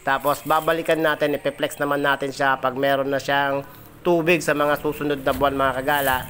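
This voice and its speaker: A man's voice: fairly high pitch, flat delivery, fairly quick, a bit bright, slight background noise. Man narrating a forest hike vlog. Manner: calls viewers "mga kagala" constantly. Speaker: travel vlogger. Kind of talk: casual guiding narration. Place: outdoors on a rural forest trail.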